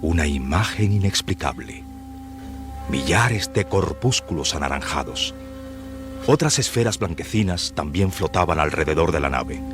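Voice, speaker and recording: A man with a deep, rumbling voice narrates a suspenseful science fiction radio drama at normal speed. He plays a grave, solemn storyteller, yet his intonation stays lively, and music plays behind him.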